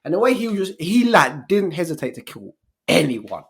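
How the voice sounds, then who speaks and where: A man's voice: a little high, very animated, moderate pace, vocal fry. A man co-hosting a podcast in casual chat, blunt and slangy. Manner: blunt, slangy, drops into mock voices. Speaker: podcast co-host.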